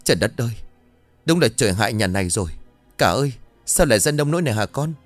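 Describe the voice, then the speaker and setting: A man voicing a shocked older village neighbor who cries out in loud anguish. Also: mid-range voice, expressive, fast, no echo, faint music behind, pitched above the performer's own voice, natural voice.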